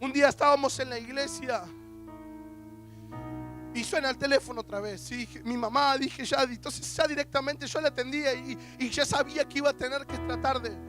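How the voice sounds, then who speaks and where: A man's voice: very high voice, steady tone, brisk, sharp tone, faint music behind. A young man, preaching a sermon as an emotional personal testimony with quoted dialogue.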